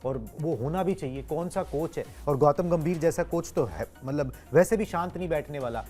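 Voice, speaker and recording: A man's voice: a little high, moderate pace, a little mellow. Host: male, cricket show, chatty explainer, faint music under. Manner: chatty, explanatory, with Hindi idioms and fillers. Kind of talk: cricket news discussion.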